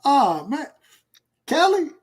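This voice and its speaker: A man's voice: extremely high pitch, huge pitch swings, slow. Man in his thirties, from Georgia, casual, rambling, boastful. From Georgia, USA. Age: 30s. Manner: laid-back, boastful, rambling with repeats. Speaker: podcast host. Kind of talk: casual chat.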